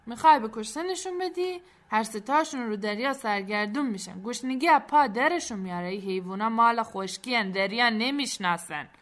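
A woman's voice: a little high, animated, hardly any pauses, voice pushed up. Woman putting on a bold, knowing man. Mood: confident. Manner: confident, forceful.

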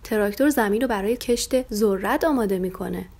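A patient father lamb from a storybook, read by a woman in her own voice, speaking softly and reassuringly. He sounds steady and kind. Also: medium pitch, lightly acted. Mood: soothing. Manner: gentle and soothing. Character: calm, caring father lamb.

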